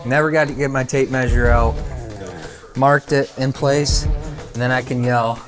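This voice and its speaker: Plain-spoken male contractor giving a casual walkthrough on site, clear music bed behind him. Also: medium pitch, steady tone, unhurried. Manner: plain-spoken, talks through numbers step by step. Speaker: flooring contractor and channel host. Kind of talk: casual how-to instruction on a job site. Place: house under renovation, indoors.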